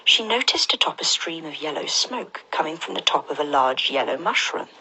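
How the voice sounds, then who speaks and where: A woman's voice: sits low, animated, moderate pace, breathy edge, rough recording. Woman narrating a storybook in a whisper. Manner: soft, half-whispered and gentle.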